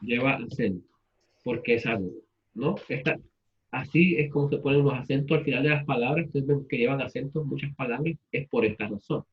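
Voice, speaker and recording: A man's voice: mid-range voice, a little fast, muffled recording. A man teaching a class, repeating students' answers and asking them questions in turn. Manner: patient, repeats answers back and asks questions.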